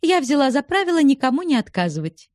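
A woman putting on a high teasing young widow. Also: sing-song, fast, darkish tone, no echo, clean studio sound. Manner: coquettish, bantering.

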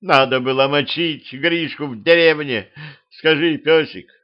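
A man's voice: a little high, measured pace, smooth, dull audio, pitched above the performer's own voice, close to an everyday voice. A man voicing a self-pitying young vampire girl who whines and wails. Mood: sulky. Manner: whining, wailing.

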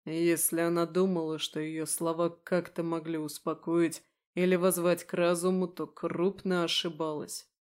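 A man's voice: on the high side, level tone, normal speed, hardly any pauses, clean tone. A man narrating an audiobook in the first person.

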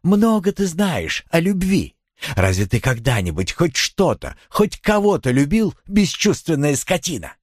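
A man voicing a furious, jealous young wife in an audiobook, with shrill, scornful outbursts. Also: big pitch swings, a little slow, breathy edge, no room sound, studio quality, exaggerated voice. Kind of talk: audiobook character voice.

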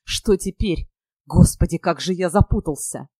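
A timid young man, soft and hesitant, his voice a little lower and quieter, as a woman narrator reads him. Close, dry storybook reading. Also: moderate pace, dry recording, close to an everyday voice. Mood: inward. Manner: hesitant, inward, soft-spoken. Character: shy, troubled young male student.

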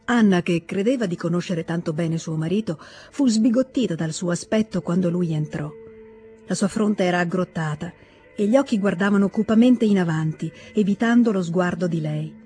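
An audiobook reader narrating a classic novel in a measured, expressive way. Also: mid-range voice, soft background music. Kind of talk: scripted literary narration.

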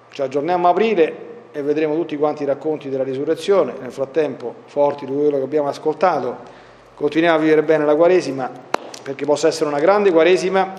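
A man's voice: on the high side, a little mellow, slight background noise. A man teaching a Bible catechesis class, reading passages aloud and explaining them with asides. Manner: reads scripture then explains with asides. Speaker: priest giving Bible catechesis. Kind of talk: Bible study lesson. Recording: long hall reverb.

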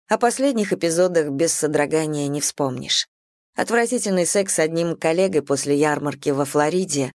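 A woman reading a first-person novel aloud in an even, measured way, close to the mic. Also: on the low side, no echo. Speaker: audiobook narrator. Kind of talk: first-person audiobook narration.

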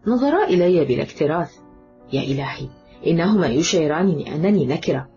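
A woman's voice: lowish voice, dark tone. A woman playing a haughty seductive Venus. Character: seductive proud cursed woman, the morning star. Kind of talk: audiobook drama acting. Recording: dull lo-fi audio with background music.

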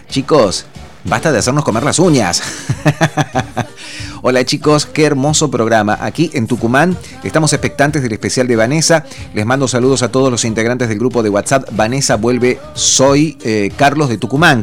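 A middle-aged Argentine man hosting a radio show, effusive and chatty, stumbling over fillers and restarts as he reads listeners' messages. His voice sits at an ordinary middle pitch. Soft music plays faintly beneath him. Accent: Argentine Spanish. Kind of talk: casual radio talk.

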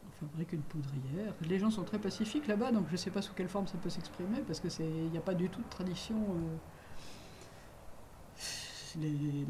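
A man's voice: fairly high pitch, warm tone, a little hiss or hum. A man giving a radio interview, speaking hesitantly with many restarts and fillers.

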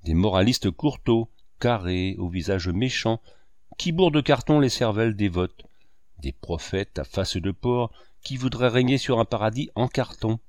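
A man reading an audiobook, voicing a boisterous, sarcastic old man who declaims and breaks into booming laughter. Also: moderate pace, darkish tone, dry recording, studio quality, natural voice. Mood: mocking. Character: boisterous sarcastic old male painter, mocking.

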